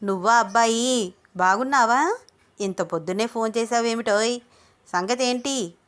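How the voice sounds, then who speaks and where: A woman's voice: fairly high pitch, pitched above the performer's own voice, lightly acted. Woman doing a toothless, stammering old granny. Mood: fond. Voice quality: lisping, stammering. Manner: scolding, loud and slow. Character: cranky toothless old grandmother, forgetful.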